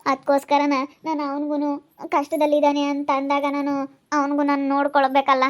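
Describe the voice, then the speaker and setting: A woman's voice: high voice, completely flat delivery, normal speed, natural voice. A woman voicing a protective elder sister in an amateur family drama skit, insisting on taking the young couple home. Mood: insistent.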